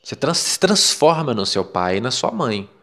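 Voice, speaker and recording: Brief: Brazilian male course teacher, emphatic and lively, mid-pitched, faint music underneath. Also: normal speed, vocal fry. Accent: Brazilian Portuguese. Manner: lively, emphatic, mimics parents' voices. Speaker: self-help course teacher. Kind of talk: lecture on beliefs.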